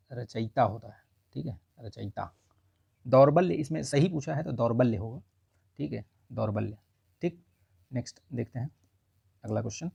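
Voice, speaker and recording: A man's voice: medium pitch, creaky, dark tone, slightly rough, no room sound, lo-fi sound. A man who tutors for exams and goes through answers one by one in a casual spoken lesson, saying "ठीक है" often. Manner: explains answer by answer, says 'ठीक है' often. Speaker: Hindi exam tutor.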